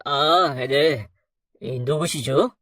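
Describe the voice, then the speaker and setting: A storyteller voicing a lying husband who turns defensive and crude, lower than the narration's wife lines. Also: very slow, a bit bright, dry recording, clean studio sound. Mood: evasive.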